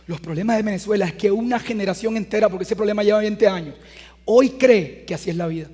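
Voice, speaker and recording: Very high-voiced preaching man in a hall. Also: fast. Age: 30s. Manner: conversational preaching that swells into loud emphatic passages. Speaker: pastor. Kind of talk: sermon.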